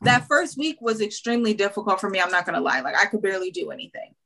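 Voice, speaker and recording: A woman's voice: medium pitch, expressive, fast talker, creaky, bright, forceful tone. A woman singer speaking in a casual interview, reflective and earnest, with lots of fillers. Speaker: singer, artist guest.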